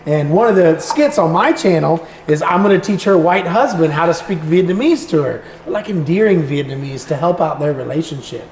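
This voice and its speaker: A man's voice: a little high, fairly quick, few pauses, echoey room, a little hiss or hum. A man, a content creator, telling funny stories in a casual podcast chat and acting out the voices he quotes. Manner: animated, acts out quoted voices with laughter.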